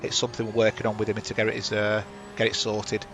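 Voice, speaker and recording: This sim racing host talks fast and in a monotone, his voice sitting on the low side. Wearing a headset, he narrates the race live in a chatty, rambling way, often correcting himself.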